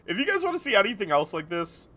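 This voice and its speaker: A young gaming video creator gives casual gameplay commentary from a small indoor room at his gaming setup. His high-pitched voice swoops wildly, fast, bright and forceful, as he rambles and repeats himself like he's tipsy.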